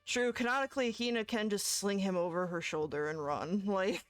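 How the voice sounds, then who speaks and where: Brief: chatty, giggly woman streamer, mid pitch, casual and a bit crude. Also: moderate pace, no room sound. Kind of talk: casual chat while gaming.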